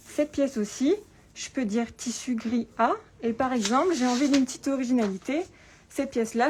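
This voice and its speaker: A woman presenting an informal tutorial through a face mask, speaking carefully and deliberately with frequent pauses and a slightly muffled sound. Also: fairly high pitch, a little mellow. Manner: careful, deliberate, often pausing. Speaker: patternmaker presenting a lesson. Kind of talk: spoken tutorial with informal explanations. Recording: clear background room noise.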